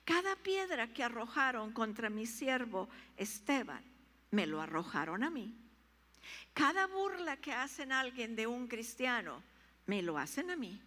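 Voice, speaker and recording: A woman preacher voicing Jesus speaking to Saul, slow and solemn, in a reverberant hall. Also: a little high, sing-song, pushed and bright, exaggerated voice.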